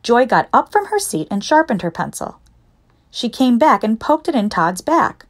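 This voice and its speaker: A woman's voice: on the high side, big pitch swings, moderate pace. Woman reading a children's book aloud. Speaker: audiobook narrator.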